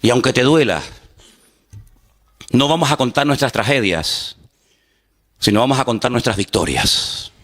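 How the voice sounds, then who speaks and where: A male pastor preaching a sermon in an animated way, acting out quotes and joking with his congregation. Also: mid-range voice, a little slow, long pauses.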